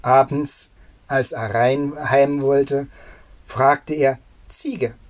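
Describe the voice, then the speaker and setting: A storyteller reading a fairy tale aloud at a calm, deliberate pace, with a few small slips and fillers. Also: medium pitch.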